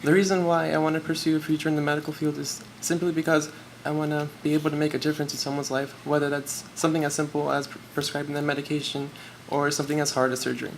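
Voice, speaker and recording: A man's voice: on the high side, little pitch movement, fast, gravelly, hardly any pauses. A teenage boy giving a nervous, tearful prepared acceptance speech for a student award. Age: teens. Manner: nervous, reading from notes. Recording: noisy live event recording.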